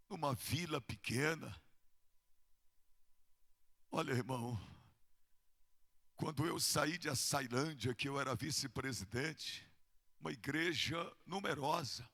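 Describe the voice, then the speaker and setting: An older man with a Brazilian Portuguese accent delivers a sermon in a thick, gravelly voice. His tone sits high and ringing, somewhat husky, and his words come slowly. Now and then he breaks into fervent shouting from the pulpit. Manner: fervent preaching that swells into shouting. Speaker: pastor.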